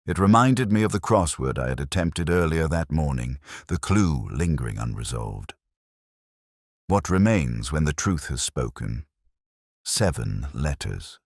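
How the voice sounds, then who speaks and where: Male actor as introspective police inspector, very deep bass voice, dry sound, solemn measured delivery, reflective literary radio drama narration. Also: dry recording, heavily acted. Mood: brooding, reflective. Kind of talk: slow literary first-person scripted narration.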